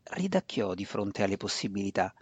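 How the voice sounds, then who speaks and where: A man's voice: fairly low pitch, big pitch swings, normal speed, darkish tone, breathy edge, dry recording. A man narrating a fantasy novel as a reader. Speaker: audiobook narrator. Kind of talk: scripted narration. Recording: dry, dull lo-fi recording.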